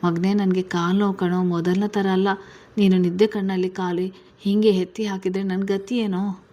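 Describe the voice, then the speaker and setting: A woman's voice: mid-range voice, flat delivery, normal speed, warm tone, close to an everyday voice. A woman voicing a fussy, teasing middle-aged father in a spoken family story.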